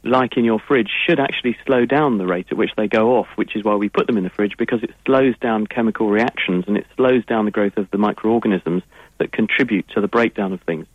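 A science guest on a radio call-in, this English-accented man answers listeners' questions with long, fluent explanations. His lowish voice moves fairly quickly over a tinny phone line, with no room sound.

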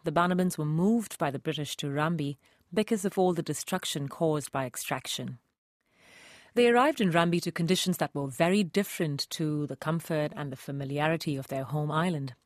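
A woman host reading a scripted radio documentary narration in a calm, clearly paced way. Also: low-pitched, no echo, clean studio sound.

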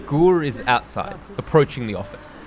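A man hosting a podcast, narrating a story in a measured storytelling manner. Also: medium pitch, animated, slight background noise. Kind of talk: scripted narration.

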